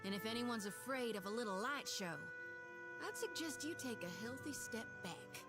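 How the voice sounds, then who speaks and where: A woman's voice: a little high, lively intonation, moderate pace, lightly acted. A woman voicing a folksy young priestess. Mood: wry, bold. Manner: folksy, plain-spoken drawl with homespun curses. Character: spirited young woman priest with a soul-reaping lantern, folksy. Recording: game audio under background music.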